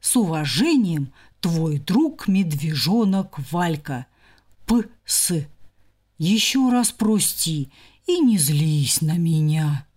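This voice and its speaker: A woman voicing a clumsy young male bear cub who slowly and pleadingly apologizes. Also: sits low, big pitch swings, a little mellow, breathy edge, pitched below the performer's own voice, exaggerated voice.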